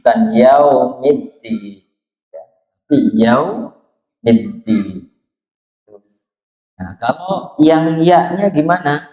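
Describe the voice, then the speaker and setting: A man's voice: fairly high pitch, animated, unhurried. A man teaching the pronunciation of Quranic letters in a small prayer room, patiently demonstrating sounds and drawing out recited words. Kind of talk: slow Quran pronunciation lesson. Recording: roomy, dull lo-fi sound.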